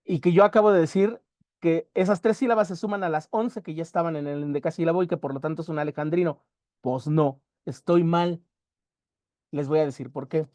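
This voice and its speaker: Teacher, warm mellow tone, patient syllable-by-syllable explainer. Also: mid-range voice, steady tone, no room sound, studio quality. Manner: methodical, spells out syllables slowly with emphasis. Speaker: literature workshop teacher. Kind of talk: explanatory lecture.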